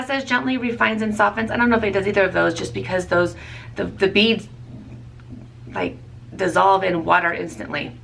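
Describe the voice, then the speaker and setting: A woman's voice: medium pitch, gravelly, a bit bright, distant mic, slight background noise. A woman in her thirties chatting casually as a beauty vlogger, rambling and correcting herself with small laughs. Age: 30s. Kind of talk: casual product review chat.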